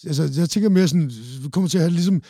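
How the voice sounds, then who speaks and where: A man's voice: high voice, warm tone, slightly rough, no echo, studio quality. A man in his forties, a podcast guest, chatting casually in a rambling way with many restarts and a lot of swearing. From Denmark. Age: 40s. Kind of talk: casual chat.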